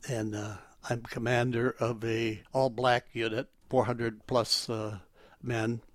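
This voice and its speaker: An old man speaks as a veteran remembering his service in an oral history interview. His delivery is halting and wandering, feeling for details as he goes, with a medium-pitched voice and a dry, close sound. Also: flat delivery, no echo. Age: elderly, 80s or older. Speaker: interviewee, retired military officer and war veteran.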